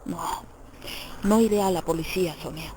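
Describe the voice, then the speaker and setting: A woman's voice: fairly low pitch, moderate pace, darkish tone, a little hiss or hum, close to an everyday voice. A woman reading the part of a tormented young male murderer in an audiobook, in a brooding, intense, questioning manner. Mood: sombre.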